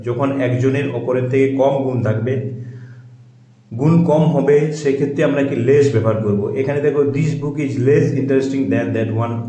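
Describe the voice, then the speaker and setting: A man teaching a grammar lesson. He asks questions and answers them himself, repeats his points, and reads example sentences slowly and carefully. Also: mid-range voice, mellow. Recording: echoey room.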